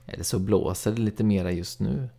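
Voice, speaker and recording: A man voicing a practical, comforting mother who speaks briskly and coaxes gently. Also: on the low side, gravelly, breathy edge. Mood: coaxing.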